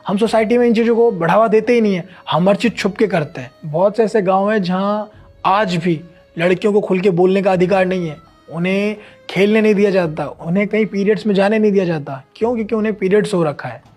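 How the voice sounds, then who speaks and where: A man's voice: sits high, a little mellow. A man playing a customer who becomes a doctor, lecturing earnestly and with reproach in a short social-message skit.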